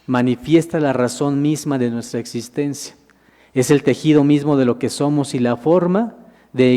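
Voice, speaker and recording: A man's voice: on the high side, dark tone. A man preaching a Bible lesson, putting questions to the congregation, calling them brothers, and answering himself. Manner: calls listeners "hermanos". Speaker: minister. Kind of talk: sermon, Bible teaching with slides. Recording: long reverb of a large hall.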